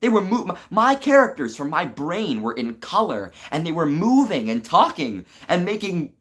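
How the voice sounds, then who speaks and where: Male streamer, casual live chat, excitable, rambling, filler words. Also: a little high, moderate pace, slightly rough. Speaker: streamer and animation creator.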